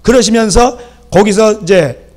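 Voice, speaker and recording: High-voiced male pastor preaching. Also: unhurried. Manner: checks in with the congregation with frequent "예?"; lively, acts out scolding parents. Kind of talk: sermon. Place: church sanctuary.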